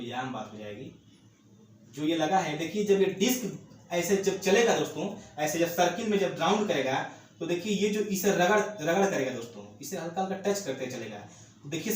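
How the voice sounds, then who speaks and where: Teacher drilling terms in a very echoey room. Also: male voice, on the high side. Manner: repetitive, asks the class questions and answers them himself. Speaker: computer teacher for exam prep. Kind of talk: classroom lecture for exam candidates. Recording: very echoey room with faint ambient noise.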